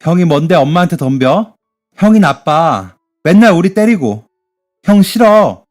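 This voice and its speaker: A man voicing a frightened little youngest son who shouts through tears. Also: sing-song, a little slow, soft background music. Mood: crying, angry. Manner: high, crying shouts.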